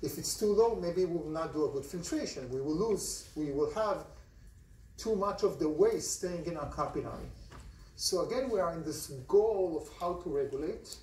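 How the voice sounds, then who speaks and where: A man with an Israeli accent teaches a large university class in a conversational way, regularly quizzing the students. His voice sits on the high side, expressive and a little mellow at normal speed, and the phone recording from the audience seats sounds distant and roomy, as lecture halls do.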